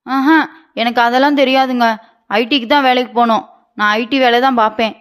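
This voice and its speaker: A woman's voice: sits high, fairly even intonation, brisk, fairly bright tone, clean tone. A woman voicing a naive, stubborn young wife with big dreams in a cartoon comedy. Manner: stubborn, boastful, childlike.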